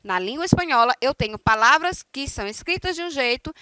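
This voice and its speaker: A woman's voice: sits high, lively intonation, a little fast, pushed and bright, smooth, no room sound. A woman from Brazil teaching a recorded online lesson, explaining step by step and often checking in with her students. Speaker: Spanish teacher.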